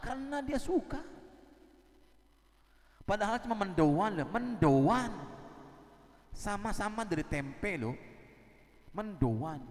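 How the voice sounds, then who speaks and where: A man giving a sermon, animated and joking as he acts out little scenes. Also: sits high. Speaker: preacher. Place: prayer hall. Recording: hall reverb.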